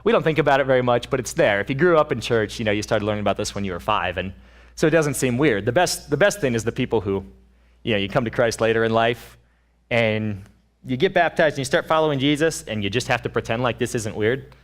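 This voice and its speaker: A man's voice: medium pitch, fast. A young man, a pastor's son, preaching a casual, joking sermon at a church service, with many fillers and restarts. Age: young adult.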